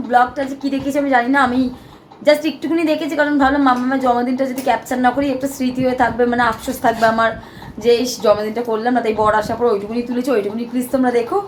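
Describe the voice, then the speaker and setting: A young woman with a hoarse voice, chatting to her viewers in a rambling vlog. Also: on the high side, slight background noise. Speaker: vlogger. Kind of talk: casual vlog narration to camera.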